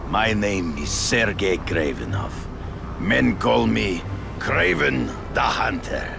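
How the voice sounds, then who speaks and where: An actor playing a proud, menacing Russian hunter in a video game, gravelly and theatrical, with a condescending manner. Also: male voice, on the low side, expressive, exaggerated voice. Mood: menacing, appraising. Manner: slow, theatrical, imperious. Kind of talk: video game cutscene acting. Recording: loud music behind.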